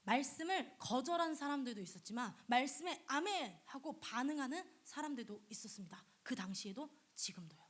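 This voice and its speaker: Woman youth preacher, higher voice, husky, storytelling sermon with hushed whispered stretches. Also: expressive, brisk, few pauses. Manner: storytelling with soft, whispery passages, voicing quoted prayers. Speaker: youth pastor.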